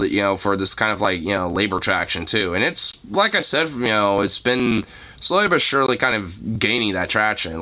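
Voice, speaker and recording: Rambling low-voiced man with a bright edge. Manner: rambling, halting, heavy casual swearing. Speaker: streamer. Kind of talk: casual off-the-cuff commentary.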